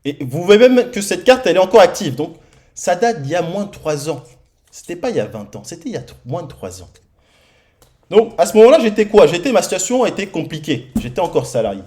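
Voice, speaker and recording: A man preaching in church, telling his own testimony in a lively storytelling manner and acting out the dialogue. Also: high voice, brisk. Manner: lively storytelling, acts out dialogue, many repeated starts. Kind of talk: sermon testimony. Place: church hall.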